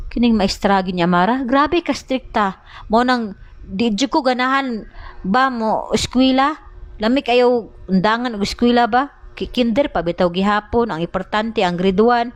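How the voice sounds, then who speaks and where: A woman's voice: a little high, unhurried, long pauses, no room sound. A young woman with a Cebuano accent, chatting casually as a mother vlogging, complaining and mimicking others. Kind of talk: casual vlog chat.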